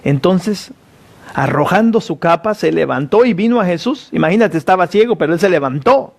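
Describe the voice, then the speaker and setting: A pastor preaching a sermon at a church service, reading scripture aloud with fervent conviction. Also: male voice, high-pitched, lively intonation, normal speed, gravelly.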